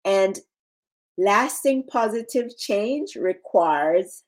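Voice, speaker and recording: A woman coaching in a measured, instructional way, leaving pauses as she guides a relaxation exercise. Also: mid-range voice, lively intonation. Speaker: relaxation and mental fitness coach.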